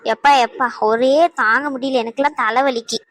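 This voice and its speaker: A woman voicing a sharp-tongued old grandmother in a cartoon, nagging and sarcastic. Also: a little high, fairly even intonation, moderate pace, no room sound, close to an everyday voice. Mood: grumbling. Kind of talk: cartoon voice acting.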